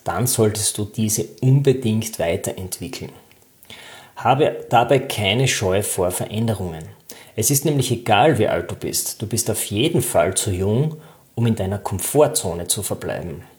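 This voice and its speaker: A man's voice: fairly low pitch, darkish tone. A man coaching in a self-help talk, speaking directly to the listener in an informal way.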